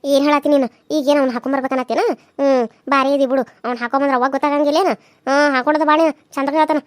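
Casting: woman voicing a high, fast, sharp-tongued cartoon woman, North Karnataka accent. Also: fairly even intonation, no room sound, studio quality, close to an everyday voice. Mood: mocking. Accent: North Karnataka Kannada. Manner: sulky, mocking.

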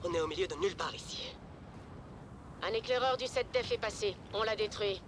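A woman acting a tough, brisk, no-nonsense lieutenant in a French game dub. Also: medium pitch, animated, close to an everyday voice. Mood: brisk, urgent. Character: tough, brisk female lieutenant, loyal second-in-command. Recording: noisy battlefield ambience behind the voice.

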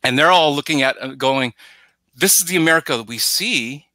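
A middle-aged podcast guest, wearing a headset on a video call from a plain indoor room, chats about films in a rambling, emphatic way and lapses into made-up quotes. His mid-range voice moves fairly quickly with a sharp tone, and there's no room sound.

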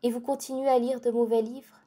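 A gentle young monk, grave and soft-spoken, his words calm and held back, as a woman reads him in a lowered voice. The tone is mellow and warm. This is a dramatic audiobook reading. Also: fairly quick, lightly acted. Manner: quiet, calm, restrained.

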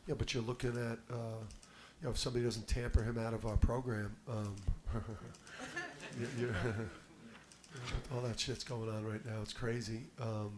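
A middle-aged basketball head coach gives postgame answers at a measured pace, his medium-pitched voice keeping a steady tone. Confident and emphatic, he tends to repeat words and restart when beginning, speaking into a table mic on a stand in a press room amid background noise.

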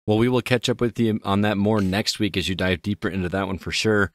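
A man's voice: lowish voice, steady tone, a little fast, no echo. A man hosting a gaming podcast, chatting casually and upbeat, laughing easily. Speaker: podcast host.

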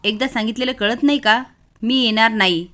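A woman's voice: fairly high pitch, normal speed, fairly bright tone, close to an everyday voice. Devoted young village girl, dutiful and firm; a woman narrator reads her lines. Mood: stubborn.

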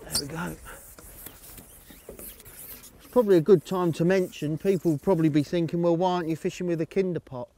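A middle-aged man calmly explaining his fishing method outdoors at a lakeside, speaking steadily into a lapel mic. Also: on the high side, a little fast, long pauses. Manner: calm, steady, explaining as he fishes. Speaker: angling coach.

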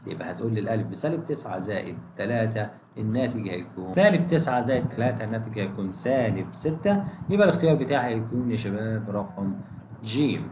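A man's voice: fairly low pitch, fast, roomy sound, background noise. A man with an Egyptian Arabic accent, a math teacher walking through exam exercises and keeping his students involved with constant questions. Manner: energetic, keeps asking students questions.

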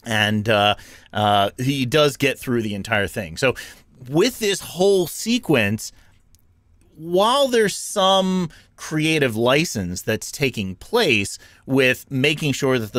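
A man's voice: mid-range voice, a bit bright, dry recording, clean studio sound. A man hosting a talk show, explaining things in a casual, conversational way, with fillers and restarts as he goes. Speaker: podcast host.

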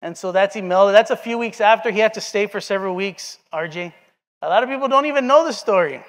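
High-voiced man preaching in a reverberant hall. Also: fast talker. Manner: earnest storytelling, acts out quoted dialogue. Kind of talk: sermon with personal story. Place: church sanctuary.

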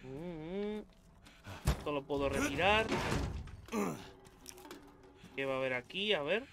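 A man's voice: fairly high pitch, expressive, slow, background noise. A young man from Spain, doing horror game commentary, swearing and yelping when startled. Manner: jumpy, swears a lot, yells when startled. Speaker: gaming YouTuber.

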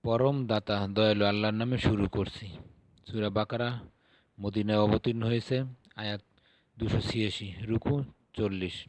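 A middle-aged man teaching Quran reading, patiently spelling out each syllable and then drawing out the recited words slowly. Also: on the low side, little pitch movement, dry recording.

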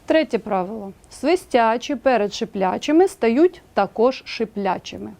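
Clear-speaking woman teaching a lesson. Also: a little high, animated, dark tone, faint music behind. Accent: Ukrainian. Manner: clear, slow enunciation of example words. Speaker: language teacher. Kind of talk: scripted lesson narration.

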